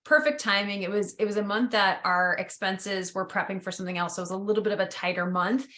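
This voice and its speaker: A woman's voice: mid-range voice, steady tone, fast talker, fairly bright tone. A woman hosting a podcast, chatting reflectively about her own experiences. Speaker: podcast host. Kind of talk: casual podcast interview.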